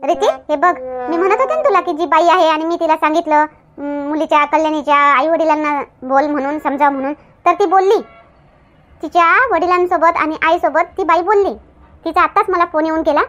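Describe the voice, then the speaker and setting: A woman acting out a fretful village aunt lecturing her nephew in a Varhadi Marathi comedy skit. Her voice is very high. She coaxes and questions him again and again. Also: fairly quick, fairly bright tone, muffled recording, faint music behind. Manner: coaxing, lecturing, keeps asking "okay?".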